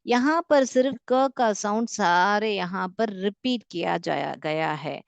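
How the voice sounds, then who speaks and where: A woman's voice: mid-range voice, measured pace, gravelly, smooth, no echo, muffled recording. A woman teaching a class, patiently explaining quiz questions and repeating each sound several times. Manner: patient, repeats sounds, calls students "beta". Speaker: school English teacher.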